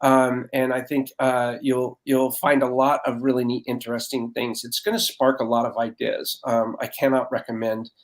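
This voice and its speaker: A man's voice: medium pitch, flat delivery, moderate pace, few pauses. A man hosting a live online interview, speaking in an ordinary mid-range voice over a video call. He is effusive and grateful, and his talk is full of "uh"s and "um"s as he wraps up. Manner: effusive, thankful, lots of fillers. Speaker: host.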